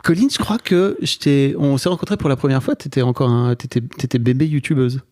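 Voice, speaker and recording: A man from northern France hosting a podcast, teasing his guest in a relaxed, casual way with plenty of fillers. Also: medium pitch, brisk, dry recording, studio quality. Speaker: podcast host. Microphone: studio microphone.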